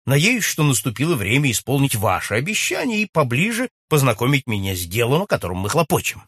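A man reading aloud and voicing a blunt young baronet who talks loudly and forthrightly in a husky voice. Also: mid-range voice, very animated, a little fast, no echo, clean studio sound. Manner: loud, forthright, exclaiming. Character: young hearty baronet back from abroad, blunt.

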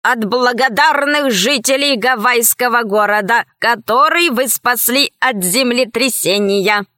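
A woman's voice: fairly high pitch, a little slow, sharp tone, no echo, studio quality. A woman voicing a polite male robot messenger who speaks formally and courteously.

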